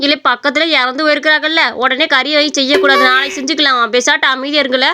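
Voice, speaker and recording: A woman's voice: high-pitched, fairly even intonation, quick pace, background noise, close to an everyday voice. A woman voicing a grumpy grandmother in a cartoon story, who scolds and nags. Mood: stern. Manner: scolding, nagging. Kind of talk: cartoon voice acting.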